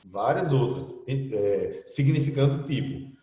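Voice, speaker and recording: A man's voice: mid-range voice, expressive, takes it slowly, dark tone. A middle-aged man with a Brazilian Portuguese accent, teaching an English class online in a chatty, explaining way full of tag questions. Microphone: computer mic in an online class. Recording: roomy echo, speaking from a distance.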